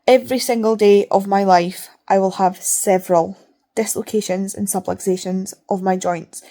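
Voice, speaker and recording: Female vlogger, casual and rambling, mid-pitched, speaks through a barely opened mouth, repeats words for emphasis. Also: fairly even intonation, normal speed, mellow. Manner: talks with mouth barely open. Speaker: reading vlogger. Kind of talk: casual chat to camera.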